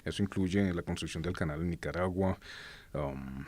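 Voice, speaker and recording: A Colombian-born man with a very deep voice delivers earnest political commentary. He pauses often with hesitations and corrects himself mid-sentence. The sound is dry and close, with no room echo. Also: darkish tone.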